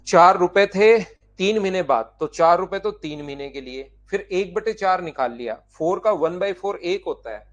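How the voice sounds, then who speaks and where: Math teacher explaining step by step. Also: male voice, a little high. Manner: explains step by step, keeps asking students to answer yes or no. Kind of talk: online class lecture.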